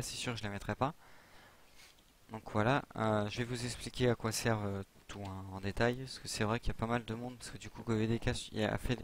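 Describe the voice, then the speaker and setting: A man's voice: mid-range voice, a little hiss or hum. A young man giving a casual gameplay tutorial, rambling with many fillers and restarts as he explains a modded server. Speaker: server admin giving a modded game tour.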